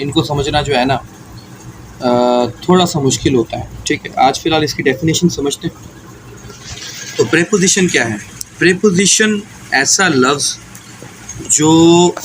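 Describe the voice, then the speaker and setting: A man's voice: medium pitch, noisy background. Patient man teaching grammar. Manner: patient, repeats each definition and checks in with "thik hai". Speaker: English teacher. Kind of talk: explaining grammar to learners.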